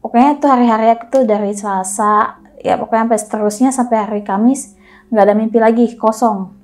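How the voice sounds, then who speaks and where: A woman telling a personal story in casual chat, animated and acting out the voices of the people in it. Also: fairly high pitch, fast. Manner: animated, acts out dialogue in quotes.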